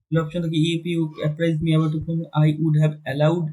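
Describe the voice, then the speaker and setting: Husky-voiced male grammar teacher. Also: a little high, monotone, dark tone, rough recording. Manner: explains step by step, asking and answering his own questions; switches between Bengali and slowly dictated English. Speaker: English teacher. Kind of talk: exam-prep grammar lesson.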